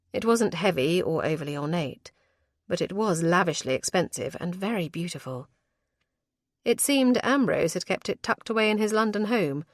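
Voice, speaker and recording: A woman narrating a historical romance audiobook in a measured, even storytelling voice on a close studio mic. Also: on the low side, no echo.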